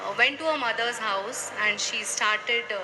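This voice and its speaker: Woman, panelist, measured storyteller, slightly high voice, noisy live recording. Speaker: panelist, infant specialist.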